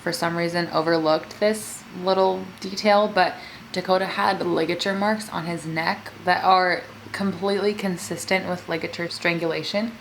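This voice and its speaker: A woman's voice: lowish voice, fairly even intonation, moderate pace, creaky, slight background noise, poor audio. A woman talking casually as a mukbang host, telling a true-crime story in a chatty way peppered with filler words. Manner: conversational, filler-heavy with frequent "like".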